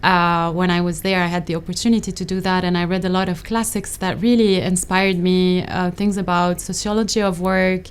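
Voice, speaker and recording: A woman's voice: lowish voice, level tone, brisk, hardly any pauses, smooth. A middle-aged woman from Lebanon, an associate professor, answering interview questions in a thoughtful, hesitant way with many fillers and restarts.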